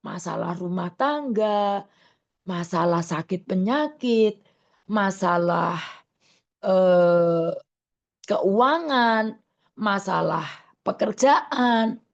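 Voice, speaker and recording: A female evangelist with a mid-range voice preaches over an online video call, earnest and slow, often pausing on fillers and correcting herself. The sound is lo-fi.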